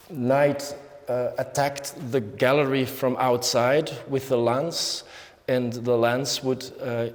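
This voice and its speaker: A man giving an unscripted lecture as an artist, halting often with fillers and restarts. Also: mid-range voice. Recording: long hall reverb.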